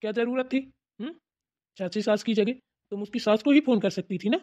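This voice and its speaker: A woman's voice: a little high, a little fast, mellow, close to an everyday voice. A woman voicing a stern adult man, an elder brother and husband, who lectures and nags, in a cartoon. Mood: demanding. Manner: lecturing, nagging with repeated "hmm?". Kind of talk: cartoon voice acting. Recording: dull lo-fi recording.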